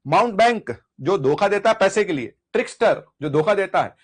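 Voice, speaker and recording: A man's voice: high voice, lively intonation, a little fast, breathy edge. A man teaching an exam vocabulary lesson, drilling word lists by repetition and asking and answering his own questions. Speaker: English teacher.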